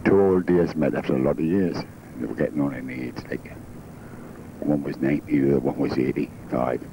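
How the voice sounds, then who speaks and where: An older man, a traditional singer, telling an old joke in a brisk, rambling way. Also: fairly even intonation, vocal fry. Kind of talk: old music-hall songs and a told joke. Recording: dull lo-fi archive tape with faint rumble.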